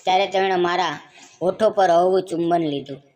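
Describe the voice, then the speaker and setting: A woman narrating a first-person family story in a calm, measured way. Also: on the low side, slight background noise.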